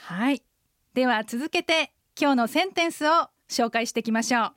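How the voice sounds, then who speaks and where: A woman co-hosting a radio language lesson, explaining pronunciation clearly. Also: high voice, normal speed, a bit bright, no room sound, studio quality.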